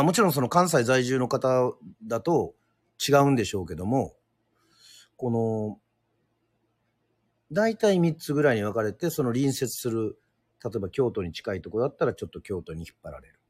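A man from Yoron Island hosting a casual solo radio talk, speaking hesitantly with many fillers and pauses. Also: medium pitch, lively intonation, darkish tone, husky, no room sound, clean studio sound. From Yoron Island, Japan. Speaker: radio show host.

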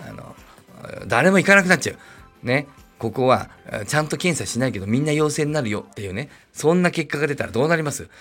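A man's voice: medium pitch, a bit bright. A middle-aged man hosting a podcast, telling a story in a chatty, rambling way with wry asides. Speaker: podcast host. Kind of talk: casual storytelling monologue.

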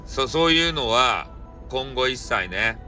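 A man speaking in a Hakata accent, playful and teasing, slipping into mock-formal phrasing. His tone is very bright and sharp, sitting in a middle pitch. Faint music plays behind him. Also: expressive, a little slow. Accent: Hakata dialect. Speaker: podcast host, storyteller. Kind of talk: casual solo podcast talk.

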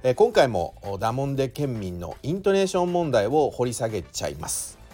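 A man's voice: mid-range voice, sing-song, fairly quick, darkish tone, soft background music. A man with a Shizuoka accent hosting a solo podcast in a chatty way, often drawing out filler sounds. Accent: Shizuoka Japanese. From Shizuoka, Japan. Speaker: podcast host.

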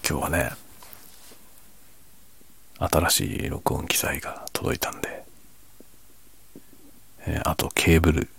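Very deep, hushed late-night man. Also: fairly even intonation, slow pace, vocal fry, long pauses, breathy edge. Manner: speaks quietly, half whispering, so as not to wake sleeping family. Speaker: host of a late-night audio chat. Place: at home at night. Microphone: microphone without windscreen, slightly backed away.

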